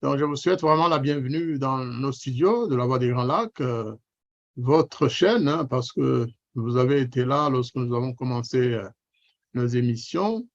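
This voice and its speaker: A man's voice: medium pitch, normal speed. A man hosting a radio interview, speaking formally and welcoming his guest, with frequent fillers. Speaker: radio host. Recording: dull, lo-fi sound.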